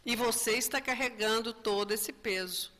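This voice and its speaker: A calm, patient spirit mentor explaining things steadily in a bright, fairly high voice, as a woman plays him. The voice rings through a reverberant lecture hall. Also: normal speed.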